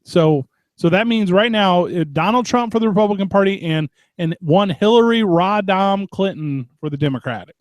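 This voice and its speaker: A man's voice: sits high, lively intonation, moderate pace, few pauses, no echo. A man co-hosting a talk radio show in casual chat, playful and teasing. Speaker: radio co-host.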